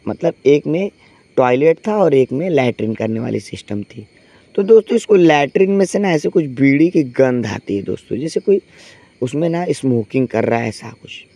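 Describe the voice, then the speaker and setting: Guy telling a ghost story like he's chatting w his friends, mid pitch, easygoing, keeps talking right to the audience. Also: animated, moderate pace, warm tone, no echo. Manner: conversational, repeatedly addresses listeners as friends. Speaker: horror storyteller. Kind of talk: casual spoken horror narration.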